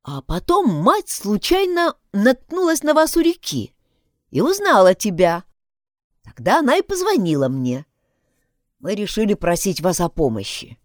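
A woman's voice: mid-range voice, wildly swooping pitch, unhurried, no echo, studio quality. A woman voicing a stern, pushy young village man who presses and threatens.

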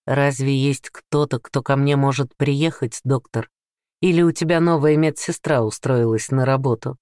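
A man voicing a troubled, greying middle-aged father, a patient who speaks slowly and wearily. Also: medium pitch, fairly even intonation, a little mellow, no room sound, clean studio sound, natural voice. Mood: puzzled.

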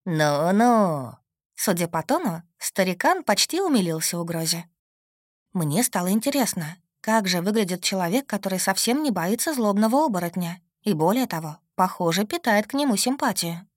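A woman narrating a fantasy audiobook in the first person with steady, expressive storytelling. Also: mid-range voice, a little fast, dry recording, clean studio sound.

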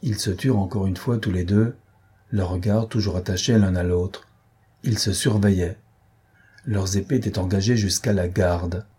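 A man narrating a literary audiobook with measured, dramatic storytelling. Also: low voice, fairly even intonation, warm tone, husky.

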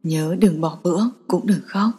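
A woman voicing a gentle young man who speaks low, evenly and softly. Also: a little fast, husky, big-room sound. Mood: tender. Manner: low, even, soft-spoken.

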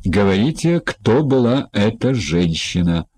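Strict old judge giving orders, man reading him, darkish husky voice. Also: on the low side, big pitch swings, a little slow, a little mellow, dry recording, exaggerated voice. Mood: stern. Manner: stern, commanding. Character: stern commanding magistrate, older man.

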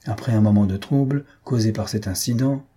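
Very husky low-voiced male narrator. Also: brisk, mellow. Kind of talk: audiobook reading of a comic story.

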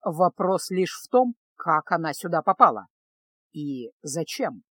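A woman voices a grim elderly male mage in an audiobook, his lines dropped a little lower and drawn out slowly. He sounds learned and gloomy, and the reading stays close and dry. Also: very animated, slightly rough, dry recording, full character voice. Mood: grave.

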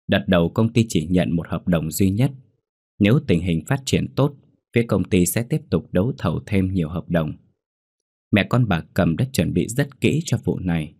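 A man narrating a ghost story in a steady, dramatic storytelling manner. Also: low voice, husky, no room sound, studio quality.

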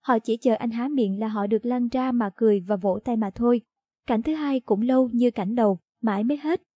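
A woman reading a short story aloud in a steady storytelling narration. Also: a little high, a little fast, dry recording. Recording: dull lo-fi dry audio.

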